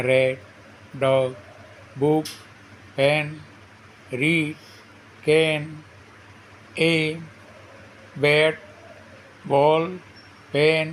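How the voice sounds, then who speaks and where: A man delivers a grammar lesson at an unhurried, measured pace, repeating each definition twice before breaking example words into syllables one by one. His voice sits a little on the high side, and faint background noise runs under the recording. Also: poor audio. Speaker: teacher. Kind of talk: slow repetitive grammar lesson.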